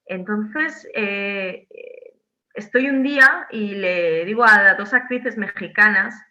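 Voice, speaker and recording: A woman from Spain speaks on a video call from her home as a theatre director. Her voice is bright and clear-edged, her delivery animated and full of restarts and little tag questions. The sound is a bit dull, as video calls are. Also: medium pitch, slow. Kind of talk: casual online interview.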